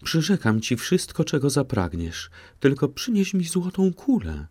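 A man voicing a spoiled, flighty young princess in a fairy tale reading, pitching his voice high and pleading. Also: big pitch swings, a little slow, a little mellow, no echo, full character voice. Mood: eager. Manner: high, pleading then dismissive girlish tone.

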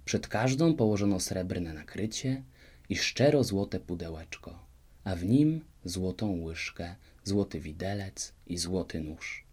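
A man reading a fairy tale aloud as an audiobook narrator, with lively, expressive storytelling. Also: low-pitched, takes it slowly, breathy edge. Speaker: audiobook reader.

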